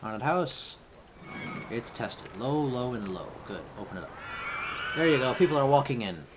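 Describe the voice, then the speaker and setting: A man's voice: mid-range voice, expressive, moderate pace, background noise. A young man giving casual, rambling gameplay commentary, thinking aloud as he builds and often trailing off mid-thought. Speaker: let's play gamer.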